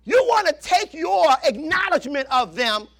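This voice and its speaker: A man in his fifties preaching a sermon as pastor, swinging between shouted exclamations and hushed, low asides. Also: big pitch swings, moderate pace, vocal fry.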